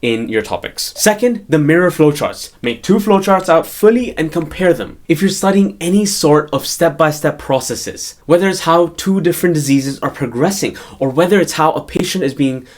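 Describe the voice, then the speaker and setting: A man's voice: on the high side, lively intonation, moderate pace, few pauses. A young man, a doctor, explaining study techniques to camera in an earnest, explanatory way that leans on key points. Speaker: study-skills YouTuber and doctor. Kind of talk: educational video talk to camera.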